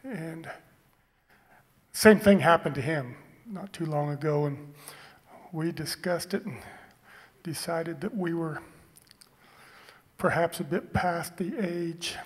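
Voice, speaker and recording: In a reverberant hall, a middle-aged man tells stories at a cowboy poetry gathering. His voice sits a little high, and he talks in a halting, plainspoken, folksy way. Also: breathy edge. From Eastern Oregon, United States. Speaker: cowboy poet introducing his poem. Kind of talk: cowboy poetry gathering stage talk, anecdotal storytelling. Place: stage in a hall.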